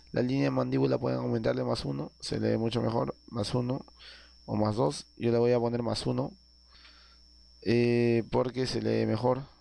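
Man, gravelly, mellow tone, casual game tutorial voice-over, lots of filler sounds. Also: mid-range voice. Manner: explains step by step, frequent filler sounds and tag questions. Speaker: video game tutorial creator.

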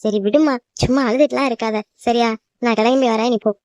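A woman's voice: a little high, fairly even intonation, brisk, a little mellow, no echo, studio quality, close to an everyday voice. A woman voicing a young cartoon bride, a devoted daughter who teases and reassures her mother. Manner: teasing, reassuring, chatty. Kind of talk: cartoon voice acting.

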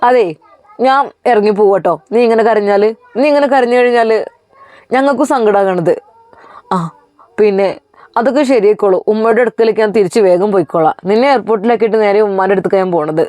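A woman's voice: medium pitch, mellow, dry recording, natural voice. A woman voicing a cheerful male religious teacher who teases and consoles his weeping friend. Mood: consoling. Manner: teasing, consoling, quick.

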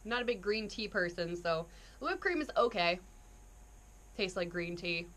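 A woman's voice: fairly low pitch, expressive, normal speed, a bit bright. A woman in her twenties chatting casually to the camera as she reviews food and drink. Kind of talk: casual taste-test chat to camera. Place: indoor room, seated.

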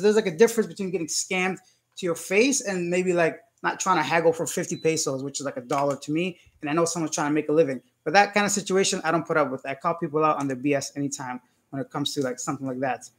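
Animated man telling a story, slightly higher voice. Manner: animated storytelling with frequent "I'm like" quotes; reads out chat comments and greets viewers. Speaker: livestream host answering viewer comments. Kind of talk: casual live Q&A chat.

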